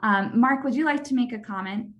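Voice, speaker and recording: A woman's voice: a little high, a little fast, fairly bright tone, muffled recording. A woman moderating an online public hearing, speaking unscripted as she runs the session.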